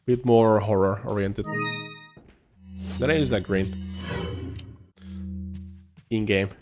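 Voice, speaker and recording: Speaking slowly in a lowish, steady tone, a man in his thirties streams a horror game live from indoors at home. He jokes and laughs at himself during play, using a headset mic, and game music sits behind his voice.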